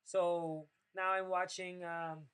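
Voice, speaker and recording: A Filipino man whose first language is Tagalog speaks English as a second language, recounting his day in a rambling, casual video diary full of fillers and restarts. His voice is level, slow and fairly bright, rising in pitch when he gets opinionated. The rough recording carries a little hiss or hum.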